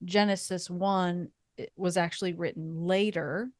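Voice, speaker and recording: Woman podcaster, slow thoughtful rambling talk, dry close sound. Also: on the low side, fairly even intonation, dry recording. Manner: thoughtful, meandering, with fillers and soft laughs. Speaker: podcast co-host. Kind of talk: casual faith podcast chat.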